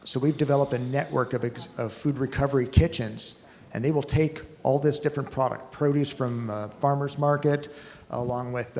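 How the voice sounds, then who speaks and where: A man's voice: mid-range voice, darkish tone. A man answering audience questions at a talk, explaining step by step with examples. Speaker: food recovery project speaker answering questions. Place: lecture hall. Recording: reverberant hall.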